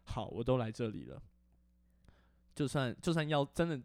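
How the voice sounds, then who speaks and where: A man's voice: medium pitch, moderate pace, creaky, no room sound. Laughing young man. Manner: laughs often, animated storytelling. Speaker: podcast co-host. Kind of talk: casual podcast chat.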